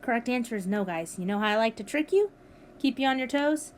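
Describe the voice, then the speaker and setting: A woman's voice: on the high side, expressive, a little fast, slight background noise. Upbeat woman teaching a math lesson. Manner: upbeat, encouraging, talks students through steps. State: has the hiccups. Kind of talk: recorded math lesson for students. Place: at home with her dog nearby.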